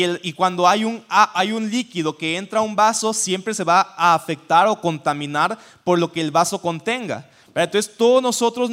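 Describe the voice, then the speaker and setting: High-voiced man preaching conversationally. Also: a bit bright. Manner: conversational, asks the audience questions. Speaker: pastor. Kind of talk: sermon teaching.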